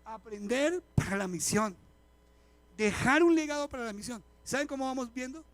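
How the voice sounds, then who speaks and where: A middle-aged pastor preaching to his congregation, his voice sitting unusually high for a man. He keeps it lively and conversational, telling funny stories and peppering the pews with questions. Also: moderate pace. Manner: animated and chatty, with humorous stories and direct questions to the congregation. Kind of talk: live church sermon. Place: church service before a congregation.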